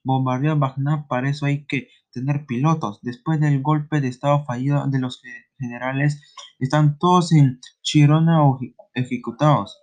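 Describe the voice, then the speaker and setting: A weary, grumbling middle-aged father, voiced by a man retelling a story. He speaks gruffly and dismissively, in a voice a little quieter and lower than the narration around it. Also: steady tone, moderate pace, close to an everyday voice.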